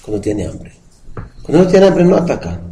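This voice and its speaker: Male teacher, fairly high voice, patient lecture style with questions to the class and chanted verses. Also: very animated, moderate pace, mellow, low-quality recording. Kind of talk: religious study lecture with a live class.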